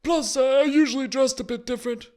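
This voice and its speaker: A man's voice: very high voice, fairly even intonation, brisk, darkish tone, voice pushed up. A man voicing a mad, rambling ancient human wizard who loses his train of thought and takes offense easily. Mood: shrill rambling. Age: older. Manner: scatterbrained, indignant, rambling with trailing restarts.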